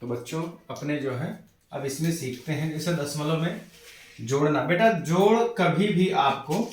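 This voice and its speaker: Man, maths teacher, fairly high voice, echoey room. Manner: calls students beta, keeps asking "theek hai na"; slows down to spell out numbers. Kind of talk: casual classroom lesson.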